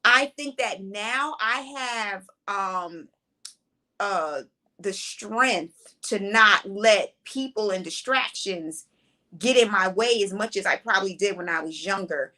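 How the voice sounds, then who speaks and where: A woman in her forties who works as a playwright and director speaks slowly in a mid-range voice. She answers the interview questions reflectively, in a relaxed, conversational style.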